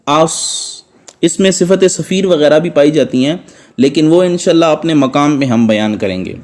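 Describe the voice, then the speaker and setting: Higher-pitched man teaching recitation patiently. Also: a little mellow. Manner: patient, repeats sounds slowly to model pronunciation. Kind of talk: step-by-step tajweed lesson.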